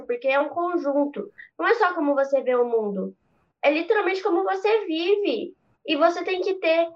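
High-voiced woman explaining earnestly. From Cuiabá, Brazil. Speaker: discussion participant. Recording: dull lo-fi sound.

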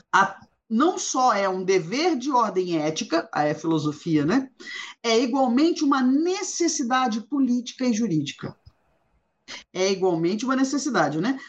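A woman from Goiás, Brazil, leading an informal discussion, reading quotes and thinking aloud with many restarts. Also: a little high. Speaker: discussion host. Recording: dull lo-fi sound.

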